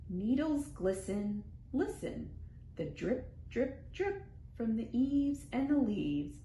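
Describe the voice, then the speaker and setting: A children's librarian hosting storytime reads a picture book aloud to young children, rhymes included. Her voice is on the high side and warm, and she's very animated, unhurried and sing-song, playing with sound words. The room has a noticeable echo and faint background noise.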